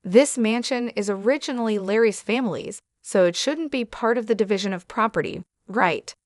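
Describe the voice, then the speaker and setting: A woman's voice: on the high side, normal speed, no echo, clean studio sound, lightly acted. A woman voicing a brash, greedy stepsister. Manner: brash and pushy. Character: scheming greedy younger stepsister.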